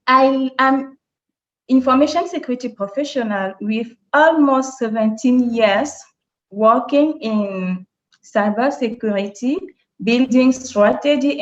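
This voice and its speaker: A woman from Cameroon introduces herself to a panel over a video call. Her voice is fairly high and friendly, with light laughs. The call audio sounds dull and lo-fi. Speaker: panelist, security officer. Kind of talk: panel conversation.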